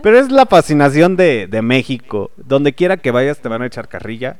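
A man's voice: mid-range voice, big pitch swings, moderate pace, clean tone. A man from León, Guanajuato, with a Bajío Mexican accent, hosting a casual radio chat, slangy and joking, swearing freely. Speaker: radio host.

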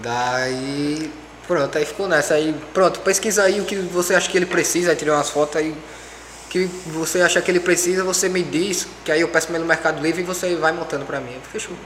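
A young man telling a story in casual chat, animated and acting out quoted dialogue. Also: fairly high pitch, a little fast. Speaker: podcast guest. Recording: echoey room with faint background noise.

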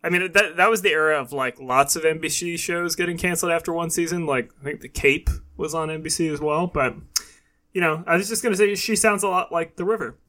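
Male podcast host, crisp bright edge, highish voice, conversational explainer. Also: fairly quick. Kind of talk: casual podcast talk.

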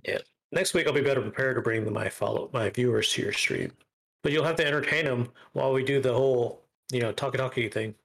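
A man hosts a casual gaming stream show in a fast, mid-range voice that's gravelly and slightly bright. His podcast chat rambles, packed with fillers, restarts, and self-corrections.

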